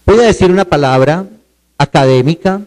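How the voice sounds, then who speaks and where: Male seminar lecturer, slightly high voice, questions the audience and spells words out. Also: normal speed, a little mellow, rough recording.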